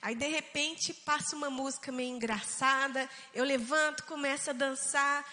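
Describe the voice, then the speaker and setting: A woman co-hosting a casual faith-based family talk, animated and acting out family members' voices. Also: high-pitched, normal speed, in a large hall. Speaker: co-host of a family talk show.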